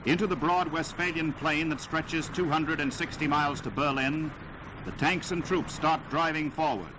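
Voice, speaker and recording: A man's voice: fairly high pitch, moderate pace, noisy background. A man narrating a 1940s wartime newsreel in a dramatic, declamatory delivery, heard on an old newsreel soundtrack. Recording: loud music score underneath.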